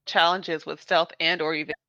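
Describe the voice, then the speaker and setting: A woman's voice: low-pitched, level tone, moderate pace, bright, forceful tone, smooth, dry recording, dull audio. A woman player on an online call whose voice keeps cutting in and out, talking hesitantly. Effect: voice cutting in and out over a bad connection. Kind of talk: casual tabletop game chat. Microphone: remote call microphone.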